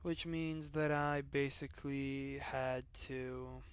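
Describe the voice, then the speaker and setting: A man's voice: mid-range voice, level tone, slow pace, clear, resonant tone, dry recording. A young man giving casual gameplay commentary, rambling and stumbling over his words. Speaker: gamer.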